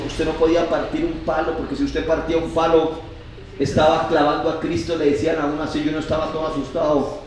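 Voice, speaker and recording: A man preaching from the pulpit, his voice pitched fairly high and climbing with emphasis as he questions the congregation. He sounds distant from the mic, and heavy echo fills the church hall around him, with a faint murmur of the room behind. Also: darkish tone, slight background noise. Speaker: pastor. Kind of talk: sermon. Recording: echoey hall, voice from far off.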